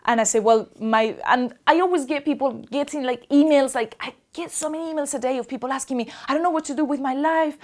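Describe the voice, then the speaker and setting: A young woman speaks in a fairly high voice. She talks in a chatty, energetic way as a guest in a relaxed interview, and her enthusiasm carries through her answers. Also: quick pace, hardly any pauses. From Colombia. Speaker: guest, online creator. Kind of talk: casual interview chat.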